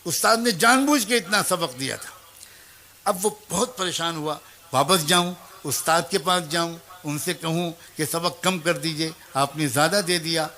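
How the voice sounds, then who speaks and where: A man's voice: fairly high pitch, pushed and bright. A man preaching a sermon as a story, emotive and dramatic, speaking each figure's lines himself and turning to address mothers and young people directly. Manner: emotive, voices the teacher, child and mother in turn.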